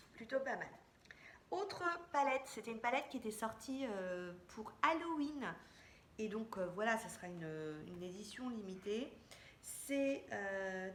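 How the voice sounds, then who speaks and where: A woman chatting casually to her viewers in a friendly beauty vlog about a makeup haul. Her voice sits at a mid pitch and rings around an echoey room at home. A faint hiss runs underneath.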